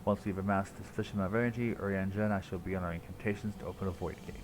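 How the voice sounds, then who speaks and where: With game music in the background and a noisy recording, a man reads game dialogue aloud during a livestream and comments casually, swearing now and then. His voice is deep and steady, and he talks rapid-fire.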